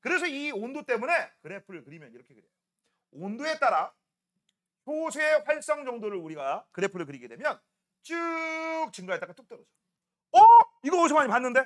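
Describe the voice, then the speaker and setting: High, animated male science teacher. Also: fairly quick. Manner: animated, joking, constantly checking with students. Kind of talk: classroom science lecture.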